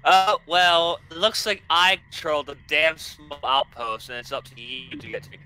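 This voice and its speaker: A man's voice: fairly high pitch, fairly even intonation, normal speed, bright, forceful tone, poor audio. A man co-playing a game, chatting casually and wryly over a glitchy, robotic-sounding voice chat line. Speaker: co-player.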